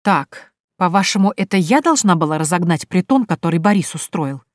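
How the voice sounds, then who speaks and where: A steady, low-pitched voice of a young pregnant woman, as a woman narrator gives her. She is calm and firm, cold and measured as the mistress of the house. The audiobook sound is dry and close. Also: no room sound, lightly acted.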